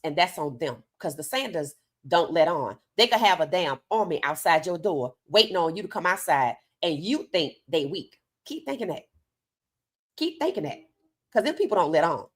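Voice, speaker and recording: A woman's voice: lowish voice, animated, moderate pace, a bit bright. A woman delivering opinionated sports commentary straight to her audience, emphatic, with rhetorical questions and repeated phrases.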